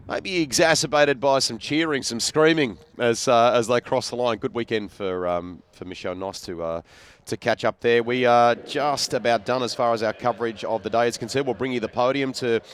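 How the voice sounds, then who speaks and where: A man commentating a motor race broadcast in a relaxed, chatty way. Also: medium pitch, normal speed, clean tone. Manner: relaxed, chatty wrap-up with fillers.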